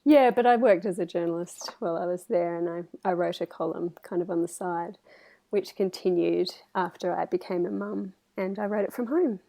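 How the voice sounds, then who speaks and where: A woman's voice: lowish voice, normal speed, creaky, dark tone. A woman talking casually as a podcast guest over a video call. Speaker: podcast guest, writer and communications specialist. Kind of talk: casual interview chat.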